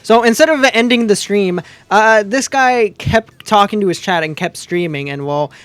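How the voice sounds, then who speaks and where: A man's voice: high-pitched, normal speed, a bit bright, clean tone, no echo. A man hosting a casual online news commentary show, laid-back and sarcastic in tone.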